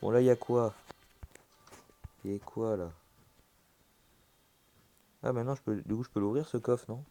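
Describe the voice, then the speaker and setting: A man's voice: mid-range voice, fairly even intonation, normal speed, long pauses, warm tone, soft background music. A man giving casual horror game commentary, reacting aloud like a jumpy, scared streamer and talking to the game as he plays. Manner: talks to the game's objects and characters.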